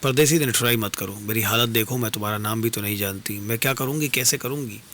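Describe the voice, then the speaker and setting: A man's voice: on the low side, fast, fairly bright tone, a little hiss or hum, natural voice. A man performing dastangoi, voicing a grieving young queen who pleads with and laments to her departing lover in formal, literary speech. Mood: pleading. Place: radio studio.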